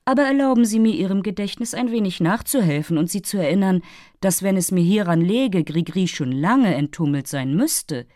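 A woman's voice: mid-range voice, animated, normal speed, mellow, no echo, clean studio sound, pitched above the performer's own voice, close to an everyday voice. A woman doing an impatient young prince. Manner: brusque and impatient. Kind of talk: audiobook reading.

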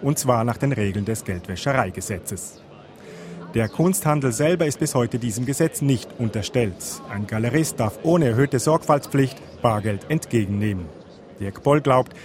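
A man's voice: mid-range voice, lively intonation, normal speed, a little mellow. A man narrating a scripted news report as its reporter.

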